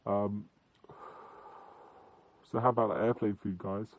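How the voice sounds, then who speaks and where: A man's voice: lowish voice, steady tone, a little slow. A young British man rambling casually as a podcast host, with dry humour and plenty of swearing and slang. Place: outdoors in a field at night.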